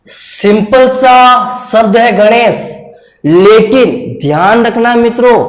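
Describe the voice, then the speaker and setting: A male teacher giving a classroom lecture, coaxing and repetitive, often checking in with his students. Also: very high voice. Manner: repetitive, coaxing, keeps saying "ok friends". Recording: echoey room.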